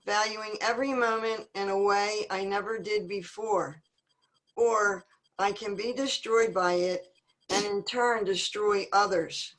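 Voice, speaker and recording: A woman reading a closing poem aloud at a support group meeting in a measured way. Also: medium pitch, fairly bright tone, rough recording.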